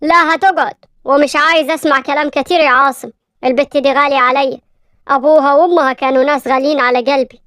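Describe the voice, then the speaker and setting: A woman's voice: sits high, fairly even intonation, quick pace, fairly bright tone, no echo, studio quality. A woman voicing a kind wealthy father with an Egyptian accent, soothing and affectionate. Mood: firm. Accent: Egyptian Arabic.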